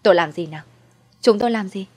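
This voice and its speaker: A woman voicing a frightened but stubborn young daughter-in-law, in a higher, pleading tone, in a storybook reading. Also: fast talker, darkish tone, husky, faint music behind, natural voice. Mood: defiant.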